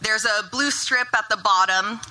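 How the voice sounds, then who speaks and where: A woman's voice: medium pitch, normal speed, bright, forceful tone, poor audio. A woman from Palestine, a community organizer, giving an earnest, impassioned speech at an outdoor ceremony. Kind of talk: rally speech.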